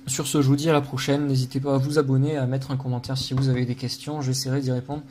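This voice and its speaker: Speaking fast in a level, darkish mid-range voice, a man teaches coding casually as he works at his computer. He reasons aloud with many fillers and jokes at his own slips. Slight background noise can be heard.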